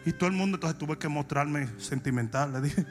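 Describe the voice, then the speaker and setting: A Dominican man preaching, telling comic stories and breaking into long shouted cries. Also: on the high side, soft background music. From Dominican Republic. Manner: shifts from shouted, drawn-out preaching to fast, joking anecdotes. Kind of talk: comic sermon storytelling.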